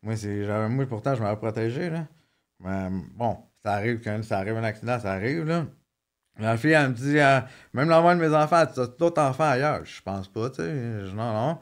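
His mid-range voice is animated and brisk as this Quebec French-accented man in his thirties, a podcast guest, tells casual personal stories. The storytelling is full of jokes, restarts and fillers.

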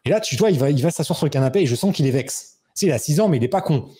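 Man in his thirties, interview guest, fast casual storytelling, mellow tone, slightly high voice. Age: 30s. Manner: animated, acts out quoted dialogue with raised pitch.

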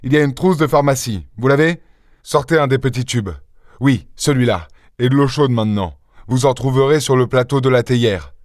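Man doing earnest anxious doctor, mid-pitch, dry close audiobook sound. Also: normal speed, darkish tone, no echo, natural voice. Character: anxious middle-aged country doctor, earnest.

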